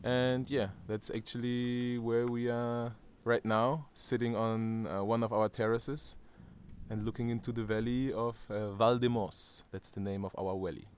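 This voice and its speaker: A man's voice: medium pitch, level tone, a little slow, a little mellow, a little hiss or hum. A man in his thirties from Germany with a German accent, interviewed outdoors on a terrace, talking hesitantly with many fillers and restarts. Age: 30s. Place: outdoor terrace above a valley.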